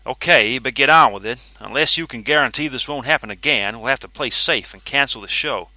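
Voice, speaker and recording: A man's voice: medium pitch, fairly quick, bright, forceful tone, no echo, pitched above the performer's own voice. A man voicing a stern, pompous association president who speaks in a curt, commanding way. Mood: impatient.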